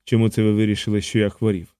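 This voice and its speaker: A male audiobook narrator voicing a tense, guarded writer who speaks low and clipped. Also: completely flat delivery, fast, mellow, smooth, dry recording, studio quality, close to an everyday voice.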